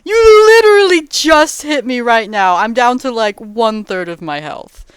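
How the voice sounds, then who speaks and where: A woman's voice: a little high, animated, unhurried, smooth, no echo. A woman playing a smug teasing supervillain. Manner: teasing, mock-aggrieved. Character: smug young supervillain, gleeful troublemaker.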